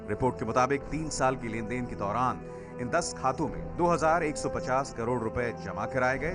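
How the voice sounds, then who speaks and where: A man delivers a scripted news voice-over in a measured, formal way. A clear music bed plays under his voice. His pitch sits in the middle range. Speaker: news reporter.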